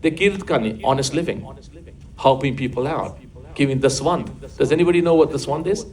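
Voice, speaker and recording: Older man, fast-paced religious teacher, coaxing, asks the room questions. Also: medium pitch, a little mellow. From England. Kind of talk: classroom religious talk.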